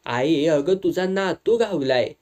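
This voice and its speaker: A man's voice: fairly high pitch, expressive, slow, darkish tone. A man voicing a stubborn middle-aged village headman from with firm, ringing declarations.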